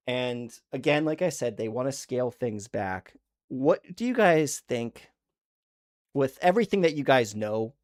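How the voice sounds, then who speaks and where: A man's voice: mid-range voice, no room sound. Male streamer host, casual and hyped, dry close sound. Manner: excitable, says dude and man a lot. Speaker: podcast host. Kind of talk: casual gaming chat stream.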